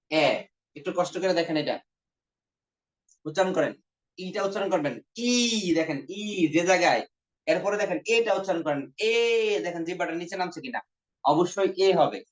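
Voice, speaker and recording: A man with a Bangladeshi Bengali accent runs an exam-prep grammar lesson, his voice pitched slightly high. He repeats himself often and sounds out each vowel as a demonstration. The recording is muffled and lo-fi. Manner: repetitive, coaxing, demonstrates vowel sounds aloud. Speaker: teacher. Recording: dull lo-fi recording.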